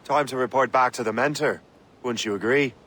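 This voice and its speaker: An actor playing a gruff sailing ship captain giving orders in a video game. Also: male voice, mid-range voice, fairly quick, close to an everyday voice. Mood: assured. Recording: loud wind and sea noise over voice.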